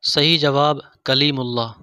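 A man reading religious quiz questions, pausing over each option before he gives the answer. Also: medium pitch, fairly even intonation, sharp tone, clean tone, no echo. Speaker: quiz host. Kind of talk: scripted quiz narration.

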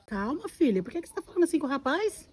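A woman's voice: sits high, sing-song, racing. A woman with a Brazilian accent playing a kind mother who scolds her spoiled daughter in an amateur skit. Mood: gentle. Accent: Brazilian Portuguese. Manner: gentle but scolding, teasing. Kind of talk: amateur comedy skit acting.

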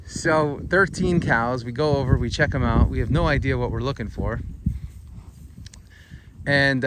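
An American farmer who hosts a walk-and-talk vlog rambles through a casual story, full of fillers, as he walks a cattle pasture. His voice is medium-pitched, and the handheld phone recording outdoors picks up background noise.

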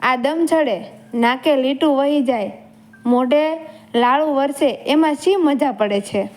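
A woman's voice: high voice, takes it slowly, a little mellow. A woman storyteller voicing a bold young male warrior chieftain who scorns death, speaking in proud, defiant declarations. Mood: scornful.

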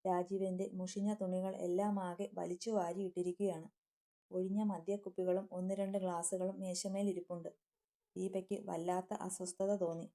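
Woman storyteller, very dark mellow voice, steady scripted narration. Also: lowish voice, normal speed. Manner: reads all characters in her own voice, slightly raised for dialogue.

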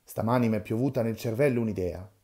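A man reading the part of a lively, touchy old carpenter who is quick to shout when offended, in a storybook reading. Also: lowish voice, lightly acted. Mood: friendly.

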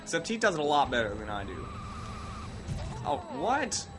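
This let's play host is a young Midwestern American man who is sick and coughing, rambling casually through gameplay and mocking himself along the way. His fairly high voice swings hugely in pitch at a moderate pace, with loud game music making the background noisy.

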